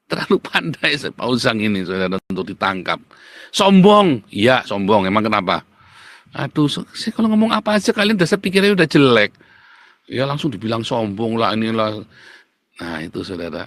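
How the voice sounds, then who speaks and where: A man preaching a sermon in an animated, boastful and scolding way. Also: medium pitch, no echo. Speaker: pastor.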